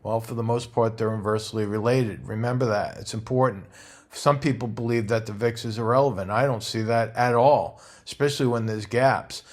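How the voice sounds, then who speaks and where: Male market host talking viewers through charts, steady and teacherly, leaning on the key numbers. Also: mid-range voice. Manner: measured, instructive, emphatic on key levels. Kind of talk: stock market commentary over charts.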